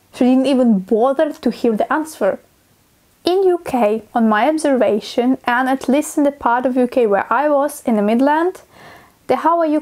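A young woman with a Russian accent hosts her own vlog, speaking in a fairly high voice. She talks from a script but stays expressive, acting out little scenes as she goes. The sound is close and clean, from a small clip-on mic in a small room. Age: young adult. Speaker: vlogger. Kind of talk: scripted talking-head vlog. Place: small dim room indoors.

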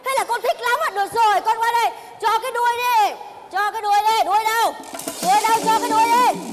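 A chatty, simple little boy with most of his teeth gone lisps in a very high, piping voice. It is a stage comedy sketch, and the recording carries steady background noise. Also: fast. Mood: naive. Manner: childish lisping chatter.

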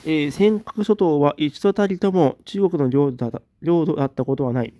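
Man, fairly high voice, mellow, dry sound, reads viewer comments in casual chat. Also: normal speed, dry recording. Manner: relaxed, reads comments aloud with brief replies. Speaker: streamer reading viewer comments.

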